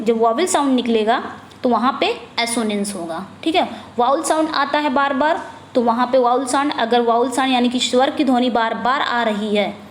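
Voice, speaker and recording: A woman with an Indian accent teaches an exam-prep English lesson, posing questions and answering them herself. She reads each question slowly and drops her voice low on the answer, and the recording is reverberant with a little hiss or hum.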